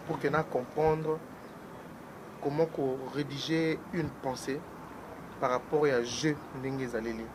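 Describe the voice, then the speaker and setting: A man speaks as a guest on a political talk show, in an animated commentary voice. His pitch sits in the middle range. A clear noisy hiss runs under the voice. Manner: animated, mixes French and Lingala.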